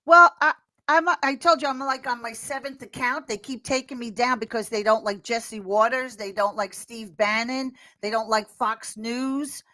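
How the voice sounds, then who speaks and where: An American woman giving animated political chat as a podcast guest, fiery and sarcastic, mocking others in squealing voices. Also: fairly high pitch, normal speed, poor audio. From United States. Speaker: podcast guest, social media commentator.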